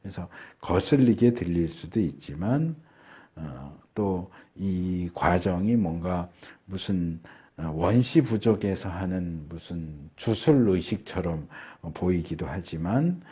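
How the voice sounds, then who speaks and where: A middle-aged male pastor delivering a sermon, unhurried, with frequent filler pauses and slowed words for emphasis. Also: deep voice, animated, warm tone, breathy edge.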